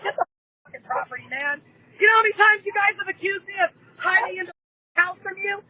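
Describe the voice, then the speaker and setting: A woman heard through a doorbell camera speaker, angrily yelling profanity and ordering people off her property. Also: extremely high pitch, animated, fast, no echo, highs cut off. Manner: yells furious profanity, ordering officers away.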